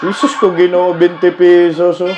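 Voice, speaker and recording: A man giving casual political commentary, mocking and laughing often, now and then bursting into shouts. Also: high-pitched, completely flat delivery, normal speed, music in the background. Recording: dull lo-fi with clear background noise.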